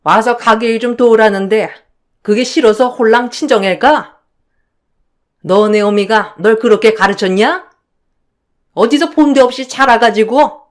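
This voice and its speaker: A woman voicing a bossy, self-pitying middle-aged mother-in-law who yells and nags in a radio story. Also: on the high side, a little slow, long pauses, lightly acted. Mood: scolding. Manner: yelling, nagging, sighing.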